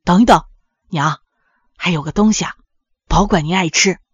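A woman's voice: fairly low pitch, normal speed, husky, no echo, muffled recording, pitched below the performer's own voice. A woman voicing an eager, devoted middle-aged son who coaxes his old mother, in a storybook tale. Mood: coaxing.

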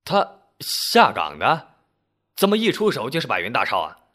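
A man voicing a blunt, loud middle-aged street bike repairman who scoffs and talks bluntly in a storytelling recording. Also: medium pitch, wildly swooping pitch, moderate pace, heavily acted. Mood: startled.

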